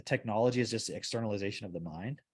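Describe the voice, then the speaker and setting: Speaking very fast in a lowish voice with a breathy edge, a man hosts a casual podcast discussion. His rambling talk is heavy with "like" as he works through his points.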